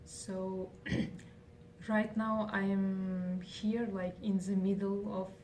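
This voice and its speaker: A young Kazakh-speaking woman from Kazakhstan answers interview questions in English, using many fillers and restarts. Her medium-pitched voice is level and a little mellow, with drawn-out words. There's faint noise, and she sits distant from the mic.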